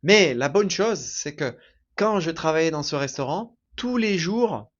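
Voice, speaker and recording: A man teaching through a slow, emphatic story for learners, repeating his phrases deliberately. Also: fairly high pitch, expressive, dull audio. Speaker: French teacher.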